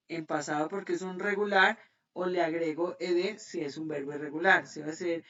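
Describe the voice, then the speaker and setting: A woman's voice: low voice, fairly bright tone. A woman teaching an online English class, explaining grammar patiently and checking that students follow. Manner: patient, checks understanding with "¿sí?" and "¿listo?". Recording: muffled, distant mic.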